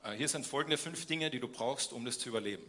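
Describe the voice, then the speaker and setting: A young man preaching a sermon, swinging between loud questions and quiet emphasis, with frequent hesitations. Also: mid-range voice, fast talker.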